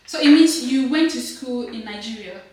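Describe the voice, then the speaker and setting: An upbeat young woman with a high voice hosts a chatty cooking interview and keeps turning to her viewers. She sounds far from the camera in a very echoey kitchen. Cutlery and pans clatter faintly behind her. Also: moderate pace, a little mellow. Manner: upbeat, talks to viewers directly. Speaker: host. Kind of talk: casual interview while cooking. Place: home kitchen.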